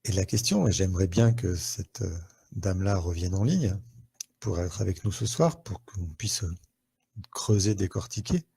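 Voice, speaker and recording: A man's voice: low voice, animated, moderate pace, vocal fry, warm tone, husky. A French man, a therapist, hosting a live online talk to viewers, conversational and full of questions and fillers, on a headset mic.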